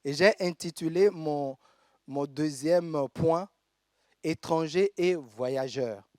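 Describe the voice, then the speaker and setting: A man from Togo, preaching a sermon in a church and reading scripture aloud with measured pauses. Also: fairly high pitch, darkish tone, dry recording, clean studio sound. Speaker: pastor.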